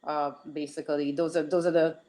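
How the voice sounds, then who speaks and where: Low-voiced woman on crackly phone line. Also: little pitch movement, a little fast, warm tone. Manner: hesitant, many ums and restarts. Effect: crackly static phone line. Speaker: guest general surgeon. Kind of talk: call-in interview answers. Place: calling in by phone.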